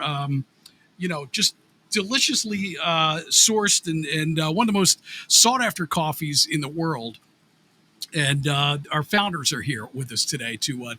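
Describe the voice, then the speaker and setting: Upbeat male co-host, bright tone, faint room hiss behind. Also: on the high side. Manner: upbeat, filler-heavy, many "uh". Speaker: podcast co-host. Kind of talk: casual podcast chat.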